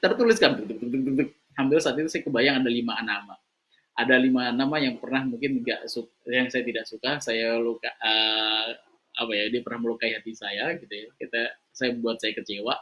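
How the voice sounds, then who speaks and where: A man giving a lively religious motivational talk, telling stories and shouting out the voices of their characters. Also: normal speed. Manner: animated storytelling, acting out voices in a high shout. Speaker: preacher. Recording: slightly dull lo-fi recording.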